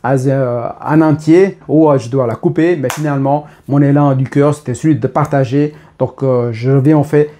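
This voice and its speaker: Guy in his 30s just chatting to camera, lots of euh and restarts, soft warm sound. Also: medium pitch, steady tone, normal speed, hardly any pauses. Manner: rambling, many fillers and restarts, chuckles. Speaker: vlogger. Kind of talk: casual spontaneous talk to camera.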